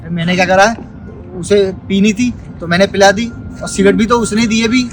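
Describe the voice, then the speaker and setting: A man's voice: high voice, steady tone, normal speed, faint music behind, close to an everyday voice. A young man acting a careless boyfriend who defends himself casually. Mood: defensive. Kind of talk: web sketch acting.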